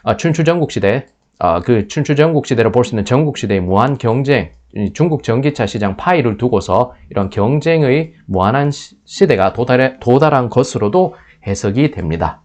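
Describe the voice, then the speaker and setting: A man's voice: mid-range voice, animated, normal speed, few pauses, a little mellow. A man giving spoken commentary on finance news, thinking aloud and often breaking off to restart a word.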